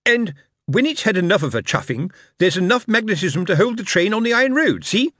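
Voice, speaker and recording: A man voicing a nervous, scruffy male watch corporal who talks in a hurried, eager-to-please way. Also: high-pitched, very animated, sharp tone, no room sound, studio quality, voice pushed up, full character voice.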